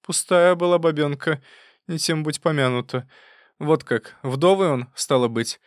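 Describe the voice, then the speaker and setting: Guy doing a shrill angry old auntie, scolding loud, storybook reading, dry sound. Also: measured pace, no echo, close to an everyday voice. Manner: scolding, exclamatory, folksy. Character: fierce old woman, a scolding aunt.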